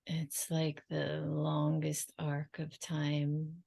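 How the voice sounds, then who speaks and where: A woman channelling in a trance like a seance medium, in halting, drifting phrases with long silences and a creaky, low voice. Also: completely flat delivery, mellow.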